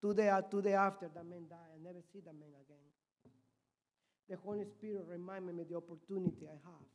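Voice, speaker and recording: A man's voice: high voice, fairly even intonation, fairly quick, a little mellow. A man from Peru preaching a sermon as a missionary, with a Peruvian Spanish accent and impassioned, swinging volume.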